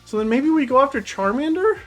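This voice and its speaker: A woman's voice: high voice, lively intonation, fairly quick. Chatty woman talking through a card game. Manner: chatty, thinks aloud. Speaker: gaming YouTuber. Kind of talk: casual game commentary. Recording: faint background music.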